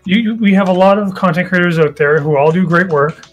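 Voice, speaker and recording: A man's voice: high-pitched, brisk. A man co-hosting and moderating a casual debate show, joking and self-deprecating. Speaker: co-host and moderator. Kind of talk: casual podcast chat.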